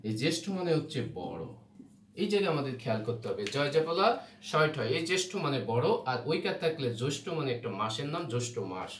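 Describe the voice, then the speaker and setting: A man's voice: medium pitch, big pitch swings, quick pace, far from the mic. A man teaching Bengali spelling rules for exams, explaining patiently and often checking that students follow. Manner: explains patiently, often asks "ঠিক আছে?". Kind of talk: exam-prep spelling lesson. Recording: roomy echo, from away from the mic, faint hum.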